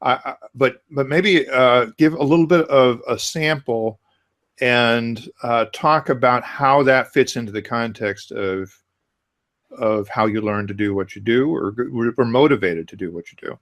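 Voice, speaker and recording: A man of medium pitch hosts a webinar interview over a video call. He introduces his guest and asks questions haltingly, often repeating words as he goes. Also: a bit bright. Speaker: webinar host.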